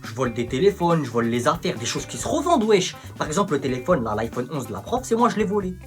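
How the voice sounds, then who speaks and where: A swaggering teen troublemaker voiced by a woman talks back in a low, defiant, slangy voice, lively in pitch. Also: fast, soft background music. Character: brash slangy teenage troublemaker.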